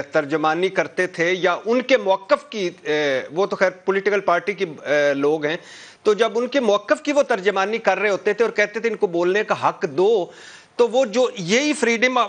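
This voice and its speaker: A man's voice: high-pitched, a bit bright. A man speaking as a political commentator on a TV talk show panel, impassioned and repetitive, with many filler sounds and restarts. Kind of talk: heated TV talk show debate.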